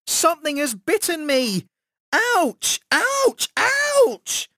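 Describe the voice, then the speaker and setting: A man's voice: wildly swooping pitch, extremely slow, bright, forceful tone, no echo, clean studio sound, heavily acted. A man doing a whiny, unlucky schoolboy. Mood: pained. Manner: high yelps and whining. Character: unlucky schoolboy narrator, whiny and self-pitying.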